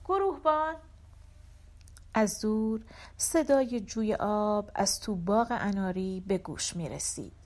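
Calm woman reading a short story. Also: medium pitch. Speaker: audiobook narrator. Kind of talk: literary storybook narration.

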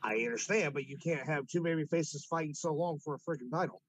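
A man co-hosting a podcast, chatting casually about wrestling and quick to push back. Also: on the high side, slightly rough. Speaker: podcast co-host.

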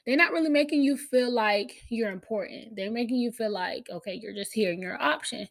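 A woman's voice: on the high side, fairly quick, gravelly. Candid American woman podcaster with a slight cold. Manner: candid, emphatic, slangy and profane. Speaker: podcast host. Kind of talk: casual solo podcast talk.

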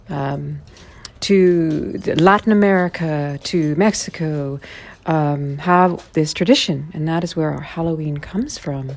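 Woman in her forties, deep voice, host of a listening series, unhurried and musing. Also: a little mellow. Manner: unhurried and musing, with small self-corrections. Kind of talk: unscripted spoken introduction. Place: indoors in Toronto.

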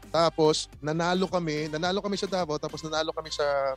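A young Filipino man chatting in an interview as the guest singer, telling animated stories and jumping his voice up when quoting his parents. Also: a little high, brisk, faint music behind. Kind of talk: casual interview chat.

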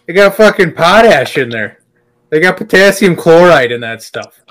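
A man's voice: fairly high pitch, lively intonation, moderate pace, fairly bright tone, rough recording. A man with a Wisconsin accent co-hosting a podcast, talking bluntly and profanely in casual, rambling chat. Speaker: podcast co-host.

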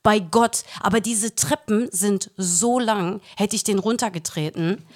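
A woman co-hosting a podcast, telling a story in casual chat with emphatic, animated delivery and some swearing. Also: mid-range voice, measured pace. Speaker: podcast co-host.

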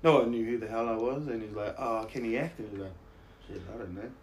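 A man's voice: medium pitch, fast, a little hiss or hum. A man around his thirties with a broad New Zealand accent, chatting casually as an interview guest in a laid-back, slangy, self-deprecating way. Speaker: interview guest, actor and musician. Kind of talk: casual chat, anecdotes.

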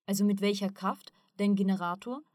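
A woman reading the part of a calm, learned male teacher who explains things patiently in an audiobook. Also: mid-range voice, a little fast, no echo, studio quality, natural voice. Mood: explaining.

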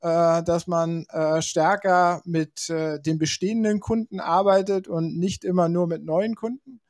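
A man's voice: on the high side, steady tone, a little slow, a little mellow, no echo, clean studio sound. A man in his forties hosting a business podcast, asking long, probing questions with frequent fillers. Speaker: podcast host. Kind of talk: conversational interview.

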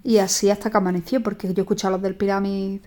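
A woman's voice: mid-range voice, flat delivery, fast talker, warm tone. A woman co-hosting a casual podcast, speaking with dry humor. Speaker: podcast co-host. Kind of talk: casual chat.

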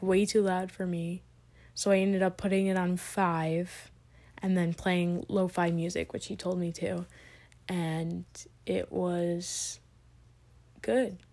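A teenage girl hosts her podcast solo, chatting loosely and losing her thread. She leans on "like" and "you know" and wanders between thoughts. Her pitch sits in the middle for a woman. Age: late teens. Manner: chatty, scattered, full of "like" and trailing tangents. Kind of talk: rambling casual podcast monologue.

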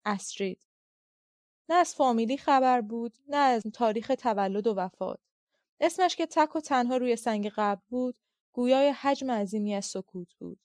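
A woman narrating a literary audiobook in a measured, reflective way. Her voice sits a bit high. The recording is close and dry, with no room sound. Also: darkish tone, no echo.

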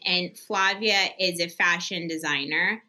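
A woman talks freely as a guest on a podcast. Her voice is bright and slightly low, and her sentences wander with "like" fillers. The tone stays casual and friendly. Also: unhurried, low-quality recording. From Brazil. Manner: chatty, many "like" fillers. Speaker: guest, staging company co-founder.

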